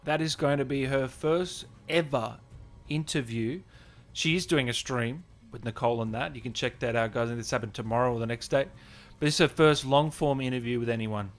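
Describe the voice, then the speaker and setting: Talking fairly quickly in a mid-range voice, this gaming livestream host keeps things conversational and unscripted, addressing his audience as guys and brother like old pals. Soft background music runs underneath.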